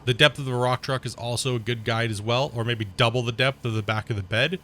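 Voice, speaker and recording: Brisk and mid-pitched, a male gaming host narrates his own gameplay despite being ill and losing his voice. The commentary is casual and rambling, with explanations of terms and excited reactions to mishaps.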